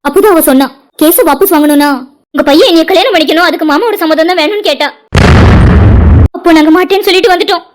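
Woman doing cartoon young wife, super high pitch, rattles off sarcastic accusations. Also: very fast, pauses often. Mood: accusing. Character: angry pregnant young wife, sharp-tongued. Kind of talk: cartoon drama voice acting.

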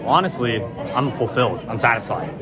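Teen guy talking about his show, lively voice, loud crowd all around. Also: mid-range voice, a little fast, loud music behind the voice. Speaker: show choir member.

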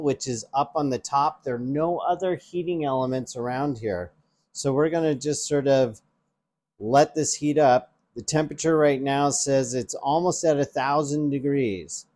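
Handling a gadget in his home kitchen next to an open window, a tech reviewer in his forties chats his way through a demo. His voice is medium in pitch and a bit mellow, captured on a lapel mic, and he frequently ums and restarts.

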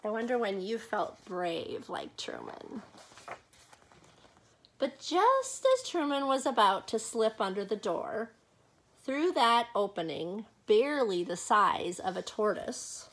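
A middle-aged woman reads a children's picture book aloud with lots of expression, dramatic pauses and casual asides to young listeners. Her mid-range voice swings widely in pitch and has a fairly bright tone.

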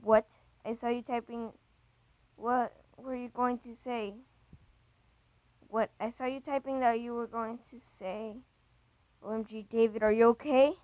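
A woman's voice: fairly high pitch, steady tone, measured pace, long pauses, no echo, dull audio, close to an everyday voice. A woman voicing Mary, a worried, pushy girlfriend. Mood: pressing. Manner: insistent, pressing questions. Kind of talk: reading a chat story aloud.

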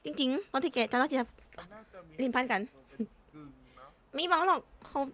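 Woman gamer, high voice, blunt and teasing, swears a lot. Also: unhurried, fairly bright tone. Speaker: roleplay gamer. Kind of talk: casual game chat.

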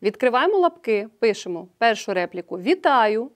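A woman teacher giving an online grammar lesson, patiently explaining each step and often checking in with a quick "right?". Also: mid-range voice, expressive.

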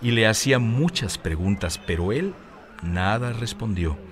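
Man, scripture reading, steady even delivery, lowish voice, faint hiss. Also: measured pace.

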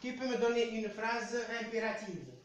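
A primary school French teacher, a man, gives a live online lesson at a chalkboard indoors, speaking slowly and patiently and repeating "allez" to coax his pupils into answering. His high-pitched voice is expressive. The lo-fi recording has slight hiss or hum and a roomy, echoey sound.

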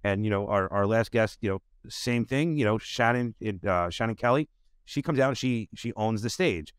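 A man's voice: on the low side, moderate pace, smooth, dry recording. Middle-aged male podcast host, rambling filler-heavy delivery, desk mic, dry. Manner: rambling, full of "you know" fillers. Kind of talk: casual interview chat. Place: home studio with bookshelves. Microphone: desk mic on video call.

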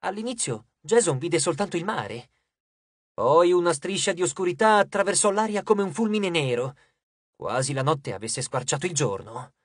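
An audiobook narrator reading a novel in an expressive storytelling manner, recorded in a studio. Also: mid-range voice, moderate pace, breathy edge, no room sound.

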